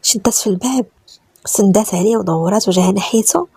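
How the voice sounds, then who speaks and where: Moroccan woman storyteller, brisk and steady, dry close-miked read. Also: medium pitch, husky, no room sound. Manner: brisk, steady narration with quoted chat lines read in turn. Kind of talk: reading a romance story aloud.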